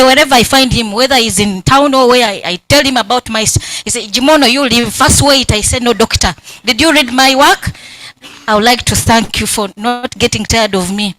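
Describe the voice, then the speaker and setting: A Ugandan woman with a Ugandan English accent, giving emotional, animated thanks at her doctoral defense and acting out remembered conversations. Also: a little high, no echo, poor audio. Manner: emotional, grateful, animated storytelling with quoted dialogue. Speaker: PhD candidate. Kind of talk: acknowledgements at a thesis defense. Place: university hall.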